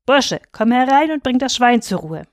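A woman's voice: a little high, sing-song, moderate pace, no room sound, clean studio sound, pitched above the performer's own voice. A woman doing a spiteful old witch. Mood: weary. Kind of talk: storybook reading.

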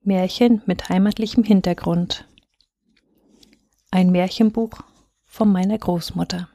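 A woman reading a fairy tale aloud in calm, measured scripted narration. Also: medium pitch, no echo, studio quality. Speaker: reader.

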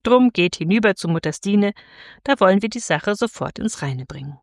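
A woman voicing a stately older male farmer in a storybook, speaking lower and quieter, gruff but kindly. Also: expressive, moderate pace, dry recording, studio quality, natural voice.

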